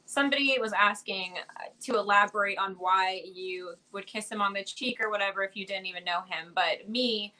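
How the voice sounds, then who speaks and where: A woman hosts a live stream with a bright, forceful voice. She talks in a blunt, slangy and casual way. Her pitch sits in an ordinary middle range for a woman. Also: normal speed, rough recording. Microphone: live stream setup.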